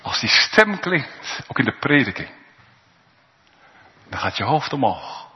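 A man preaching a sermon in a church, slow and emphatic, with pauses and rising calls. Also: medium pitch, sing-song. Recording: dull recording in a reverberant church.

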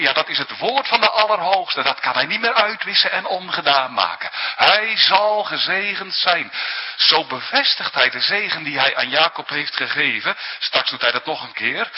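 A man with a fairly high, slightly breathy voice preaches a sermon earnestly and emphatically, often ending his points with questions. The recording is dull and lo-fi, with a long echo from the hall.

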